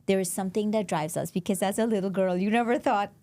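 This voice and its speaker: A woman's voice: medium pitch, fast, mellow, dry recording. A woman hosting a podcast interview, chatting casually, laughing often and repeating her words. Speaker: podcast host.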